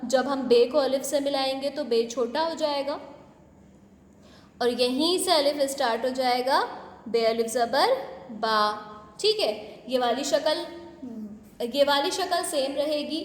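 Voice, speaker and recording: A woman's voice: high-pitched, a little slow, echoey room, in a large hall. A woman teacher patiently explaining letters to young children, repeating and spelling them out. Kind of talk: children's alphabet lesson.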